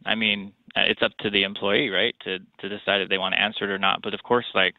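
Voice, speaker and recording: A man calling in over a landline phone from his office, explaining things in a halting way with many pauses as a tourism bureau staffer. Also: fairly low pitch, little pitch movement, no echo. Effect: heard over a landline phone. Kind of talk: casual chat. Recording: dull, dry landline phone line.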